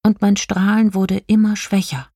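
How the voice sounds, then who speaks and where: A woman voicing a small, shy male star in a children's story, speaking softly and partly in a whisper. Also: mid-range voice, flat delivery, moderate pace, husky, dry recording, studio quality, voice pushed up. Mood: soft, earnest. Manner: soft, half-whispered. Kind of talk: audiobook character voice.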